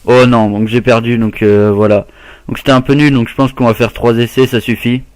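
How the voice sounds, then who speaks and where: Man, gameplay commentary, monotone, chatty, dry close recording. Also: medium pitch, fairly quick, dry recording. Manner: chatty, mutters to himself while playing. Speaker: gaming YouTuber.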